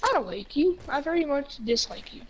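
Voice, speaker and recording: A teenage girl chatting and teasing a friend while playing a shooter game on stream. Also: sits high. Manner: teasing, excitable, quick outbursts. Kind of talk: casual gaming banter. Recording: noisy home stream audio.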